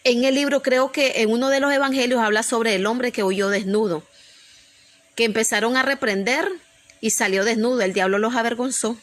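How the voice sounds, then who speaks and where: A woman's voice: fairly high pitch, fairly even intonation, normal speed. A woman preacher telling an emotional personal testimony to her congregation, earnest and repetitive, often restarting her sentences.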